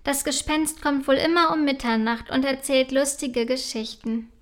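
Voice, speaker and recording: A woman voicing a curious, kind little princess girl in a storybook, speaking gently and slowly. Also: sits high, steady tone, close to an everyday voice. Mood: dreamy.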